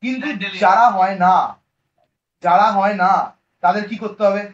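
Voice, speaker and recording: In a high, steady voice at a moderate pace, a Bengali-accented man gives an online biology lecture, asking his students questions and answering them himself while mixing English terms into casual talk. The recording is dull and lo-fi.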